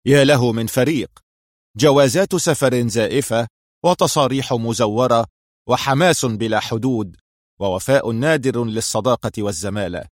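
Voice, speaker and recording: A man doing a sharp intelligence chief. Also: mid-range voice, moderate pace, dry recording, clean studio sound, natural voice. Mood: commanding. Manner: sharp and commanding. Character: commanding male intelligence chief, sharp-tempered.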